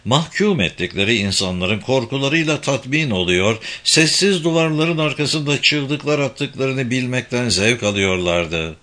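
Bright-voiced male audiobook narrator. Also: mid-range voice, lively intonation, a little slow, hardly any pauses.

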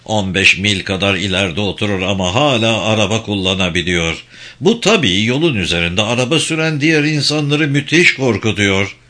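A man's voice: lowish voice, animated, a little fast, bright, forceful tone. A man reading the lines of a helpful small-town lawyer in his fifties. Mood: obliging. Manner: helpful, obliging.

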